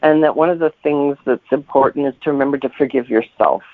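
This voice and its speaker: A man speaks briskly at a medium pitch as a guest novelist in an interview, reflecting and explaining in a conversational tone. The recording is dry and thin, like a telephone line.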